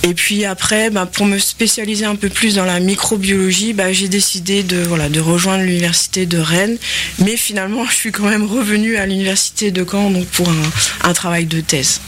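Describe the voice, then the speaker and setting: A woman's voice: medium pitch, fairly even intonation, moderate pace, a bit bright, slight background noise. A middle-aged woman from France, a university lecturer and researcher, answering interview questions in a hesitant way with many fillers and restarts.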